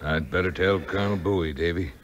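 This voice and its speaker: A man's voice: low voice, quick pace, muffled recording, slight background noise, lightly acted. A man playing a resolute army colonel, speaking in a formal, declamatory way in a 1950s radio-style adventure. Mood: grave. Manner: declamatory, clipped, commanding.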